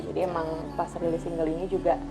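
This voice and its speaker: A woman's voice: on the low side, little pitch movement, fast talker, over music. A nineteen-year-old woman singer, a guest on a casual TV interview, friendly and earnest as she explains at length. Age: teens.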